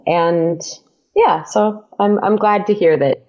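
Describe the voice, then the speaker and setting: A woman with a mid-range voice speaks slowly, and the audio sounds dull. She's a podcast guest chatting casually about making her audio drama, hesitating often with lots of fillers and restarts.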